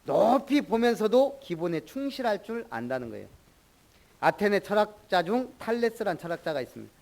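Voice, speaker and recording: Pastor, middle-aged man, higher-pitched voice, chatty sermon delivery that quizzes the congregation by name. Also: sing-song, brisk, vocal fry, darkish tone. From Jeolla, Korea.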